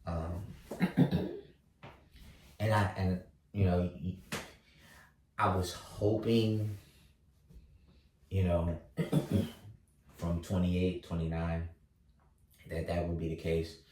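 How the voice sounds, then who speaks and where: A thirty-year-old man vlogging, talking slowly through his thoughts with lots of fillers and restarts. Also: low-pitched, level tone, warm tone, recorded from a distance, a little hiss or hum. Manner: halting, many fillers and restarts. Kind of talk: reflective casual monologue. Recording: roomy echo, voice set back from mic.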